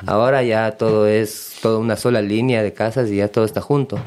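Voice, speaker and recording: Ecuadorian man, low voice, hesitant, relaxed interview guest. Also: a little fast. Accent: Ecuadorian Spanish. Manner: relaxed, hesitant, many fillers. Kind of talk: casual interview.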